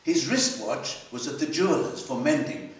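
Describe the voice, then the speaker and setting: At a live literary festival in a library hall, a man with a mid-range voice reads fiction aloud like a practised storyteller, expressive, measured and deliberately paused. The hall is very echoey and he is picked up from a distance.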